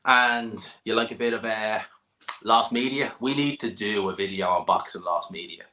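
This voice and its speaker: On a roughly recorded live boxing stream, this host trades jokes and banter with his guest, laughing a lot. He speaks at a normal pace with a fairly low pitch and a sharp edge to his tone.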